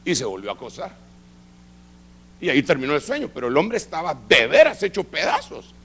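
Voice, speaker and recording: A middle-aged man preaching, telling a testimony with lively acted-out dialogue. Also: a little high, fairly quick, slightly rough. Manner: animated storytelling, acting out quoted dialogue. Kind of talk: sermon testimony. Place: church service.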